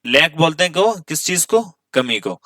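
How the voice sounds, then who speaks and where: A man, an English teacher reading English phrases slowly and explaining them in Urdu, repeating words and asking his class questions. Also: on the high side, sing-song, pushed and bright, no room sound, studio quality. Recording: voice from a distance from the mic.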